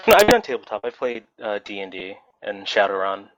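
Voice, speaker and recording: A brisk, lowish-voiced man in his twenties appears as a podcast guest. His casual chat wanders, relaxed and packed with fillers, in dry, dull lo-fi voice chat audio.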